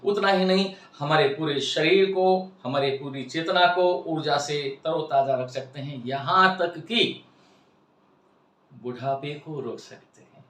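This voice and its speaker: Older man, 60s, earnest and emphatic wellness host; fairly high voice, roomy and far from the mic. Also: a little slow, a bit bright. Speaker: health and wellness channel host. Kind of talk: explanatory talk to camera.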